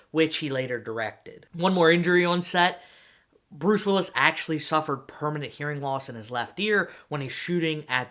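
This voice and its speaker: A man with a fairly high, bright, forceful voice, narrating film trivia. He keeps it upbeat, chatty and emphatic. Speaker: video essay narrator.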